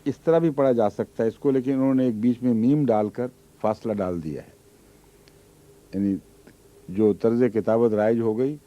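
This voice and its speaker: A man's voice: medium pitch, moderate pace. A man giving a Quran commentary lesson, reciting Arabic verses and then explaining them patiently. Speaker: Quran teacher. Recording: dull lo-fi archive recording.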